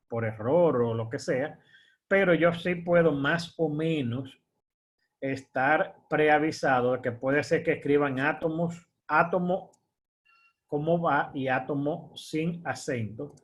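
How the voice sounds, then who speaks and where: A man's voice: mid-range voice, slow pace. A man, teaching an online course as a screen-share tutorial, explaining step by step with fillers and frequent "verdad?" checks.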